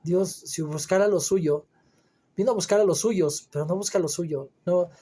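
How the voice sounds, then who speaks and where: A man's voice: high voice, moderate pace, dark tone, husky. A man giving a Bible commentary sermon, preaching emphatically in a conversational way with frequent fillers and restarts.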